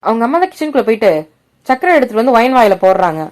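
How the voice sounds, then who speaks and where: A woman's voice: a little high, very animated, rapid-fire. A woman narrating a fan fiction story in a plain, conversational storytelling voice.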